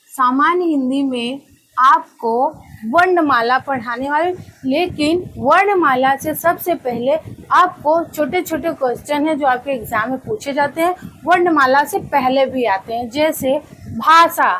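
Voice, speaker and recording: A woman's voice: high-pitched, unhurried, sharp tone, low-quality recording. A woman teacher telling a story to students as a lesson, often asking them rhetorical questions and calling them children. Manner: addresses listeners as children, asks rhetorical questions.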